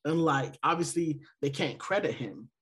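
With a crowd audible behind him, a podcast co-host with a highish, animated voice talks at normal speed. He chats casually, wandering off track with lots of fillers and false starts.

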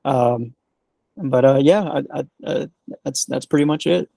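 A retired Army sergeant, a man, being interviewed, telling stories in a relaxed, rambling way full of fillers and restarts. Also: medium pitch, a little slow, creaky, no room sound. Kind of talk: casual storytelling interview.

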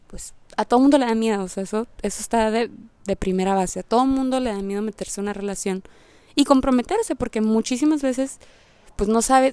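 A woman from Puerto Rico, whose voice is on the high side with a dark tone, hosts a podcast in a casual, reflective monologue. She is informal and slangy, rambling as she thinks out loud, and the recording has no room sound.

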